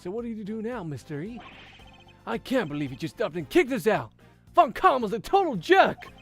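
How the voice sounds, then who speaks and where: A woman voicing an eager, hot-headed young man who talks in excitable, loud outbursts. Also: mid-range voice, quick pace, soft background music, pitched above the performer's own voice, natural voice. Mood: indignant.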